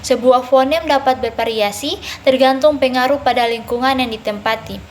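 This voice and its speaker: A young woman student reads her part of a class presentation, repeating a phrase here and there. Her voice sits somewhat high. A light hiss runs under the recording. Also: normal speed.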